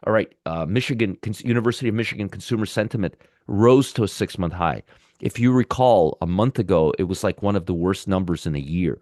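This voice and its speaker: A man's voice: deep voice, expressive, a little fast, a little mellow, no echo, clean studio sound. A man hosting a live market commentary show, feeling sick with a sore throat, explaining conversationally and repeating his points. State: under the weather, sore throat. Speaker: host of a live pre-market trading show.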